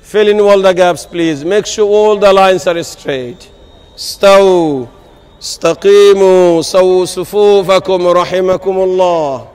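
A man leads prayer on an open stadium field, his voice set high for a man. He stretches each takbir and verse into long melodic lines, smooth and resonant, then drops into brief plain requests to straighten the rows. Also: fairly even intonation, darkish tone. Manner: melodic, drawn-out chanting between brief plain announcements. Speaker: imam leading Eid prayer. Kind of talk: chanted takbir and Quran recitation with spoken instructions. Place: large outdoor stadium field.

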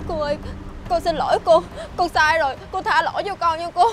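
A woman's voice: high voice, animated, brisk, noisy background. A woman playing a whiny fickle mistress. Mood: pleading. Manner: whiny, pleading. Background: background music.

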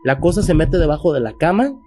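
A man's voice: a little high, very animated, brisk, a little mellow, slight background noise. Slangy Mexican man telling a scary story. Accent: Mexican Spanish. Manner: slangy, emphatic, raises voice when quoting. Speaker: guest telling a paranormal story. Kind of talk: casual storytelling.

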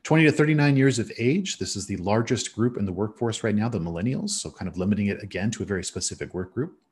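A middle-aged man presenting an academic defense over slides in a halting, hedging way with frequent filled pauses. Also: lowish voice, a little mellow, breathy edge. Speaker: PhD candidate presenting dissertation defense. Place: indoors on a video call.

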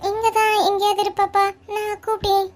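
A woman's voice: extremely high pitch, completely flat delivery, fairly quick. A woman voicing a timid young daughter with a Kanyakumari Tamil accent, making excuses to her father in a cartoon comedy. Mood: meek excuses. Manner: meek, apologetic, eager to please.

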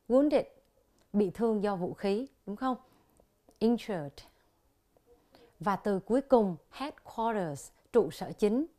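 Woman, Vietnamese accent, TV English teacher, slow careful word drills. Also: mid-range voice, dark tone. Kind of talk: televised English lesson.

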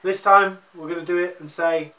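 A man's voice: high voice, fairly even intonation, normal speed, bright, forceful tone. A man in his twenties hosting a challenge in casual, playful chat. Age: 20s. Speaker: challenge host. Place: small living room. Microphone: camera across the room. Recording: echoey living room, distant mic.

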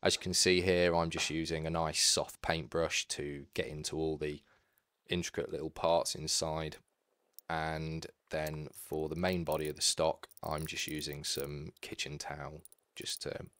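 Very deep-voiced man explaining woodwork. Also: a little slow, smooth, no room sound. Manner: calm, practical, step-by-step advice. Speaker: woodwork tutorial narrator. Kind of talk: instructional voice-over.

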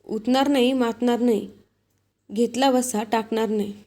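A woman's voice: fairly high pitch, fairly even intonation, a little slow, mellow. A woman voicing a frightened maidservant who earnestly promises to keep a sacred vow.

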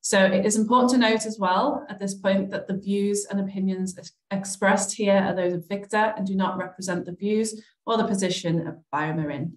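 A woman's voice: medium pitch, normal speed, few pauses. A young woman hosting an interview over a video call, reading an introduction and asking questions in a friendly way. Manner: friendly, reads introductions with fillers. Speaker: host. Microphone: laptop webcam on a video call. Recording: echoey room on a video call.

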